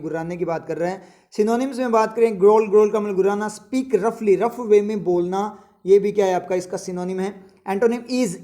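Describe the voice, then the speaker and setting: Guy teaching vocab, high but mellow voice, chatty, keeps quizzing you. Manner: chatty, quizzes viewers, repeats words slowly to explain. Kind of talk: casual spoken lesson.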